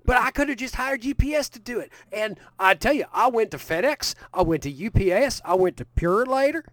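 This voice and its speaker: A man's voice: very high voice, expressive, fairly quick, a bit bright, no echo. A man voicing a crude, boastful old Santa Claus with a Southern US accent, folksy and boisterous. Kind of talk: improvised comedy character bit.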